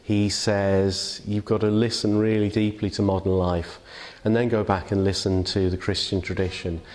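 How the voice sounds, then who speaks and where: An English man delivers a relaxed sermon reflection, his voice sitting fairly low. He talks conversationally, pausing on fillers and restarting sentences as he thinks. The church around him leaves a long, lingering reverb. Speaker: clergy giving a reflection.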